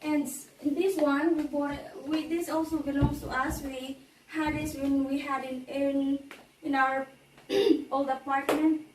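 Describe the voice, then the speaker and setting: With a high voice that barely moves in pitch, a female Filipino vlogger leads a casual tour of a house, outside on the patio and inside. She is slightly hoarse, clears her throat, and talks in an unhurried, halting, chatty manner full of repeated phrases. The far-off mic catches echo and surrounding noise.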